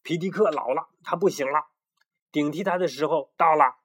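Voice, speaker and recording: A man voicing a mocking young bully rooster in a storybook read-aloud, in a high, loud, taunting voice. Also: moderate pace, breathy edge.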